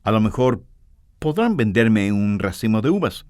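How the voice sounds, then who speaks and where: A man's voice: fairly low pitch, sing-song, normal speed, darkish tone, no echo, clean studio sound, voice pushed down. A man voicing a poor, timid mother who pleads humbly in a sermon story.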